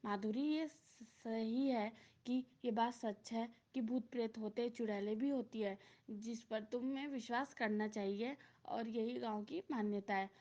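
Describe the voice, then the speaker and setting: A worried, firm village elder sister, put on by a woman storyteller, who talks urgently and insists on being obeyed. The voice is mellow and a touch high. The recording sounds dull and lo-fi. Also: unhurried, close to an everyday voice.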